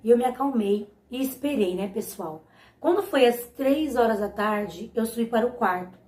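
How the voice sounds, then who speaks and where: A young woman with a Brazilian Portuguese accent shares her personal testimony in a somewhat high voice, earnest and often turning to her viewers. The sound is echoey, as if recorded in a bare room. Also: normal speed, darkish tone. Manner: earnest, often turns to the audience. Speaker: mother giving a faith testimony.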